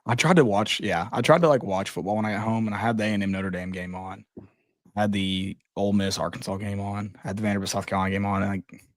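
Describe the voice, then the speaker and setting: A man's voice: fairly low pitch, fairly even intonation, fast talker, dry recording, studio quality. A man co-hosting a podcast, chatting casually about college football in a blunt, joking way. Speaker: podcast co-host. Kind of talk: casual sports chat.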